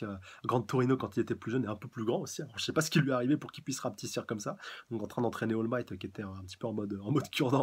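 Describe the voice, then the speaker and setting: Husky fast-talking man reviewing a comic. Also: medium pitch. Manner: halting, searching for words with many restarts. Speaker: manga reviewer. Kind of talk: casual live review commentary.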